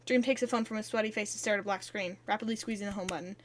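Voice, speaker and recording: A woman's voice: mid-range voice, fairly even intonation, racing. A woman co-hosting a podcast, reading fan fiction aloud in a casual way, breaking in with asides. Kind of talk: casual read-aloud narration.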